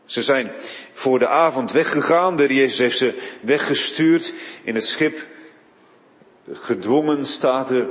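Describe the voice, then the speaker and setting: Preacher man in a reverberant hall. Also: medium pitch. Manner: dramatic storytelling, repeats words as he goes. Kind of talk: sermon retelling a Bible story.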